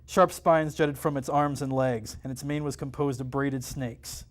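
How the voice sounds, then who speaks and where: The author reads his own novel with animated drama before an audience at a comic and game shop. He has a medium-pitched voice and goes a little slowly.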